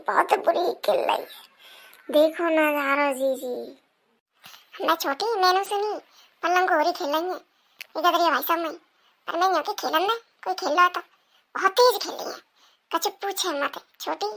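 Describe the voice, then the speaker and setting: A woman's voice: very high-pitched, sharp tone, full character voice. Woman voicing a gossipy cartoon village woman. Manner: gossipy, colloquial, chatty. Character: chatty village woman gossiping about Holi.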